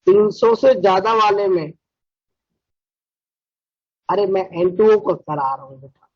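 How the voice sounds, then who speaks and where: A man teaching an online chemistry lecture in a brisk, scolding way, urging students to answer fast. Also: high-pitched, dry recording. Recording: dull, dry lo-fi sound.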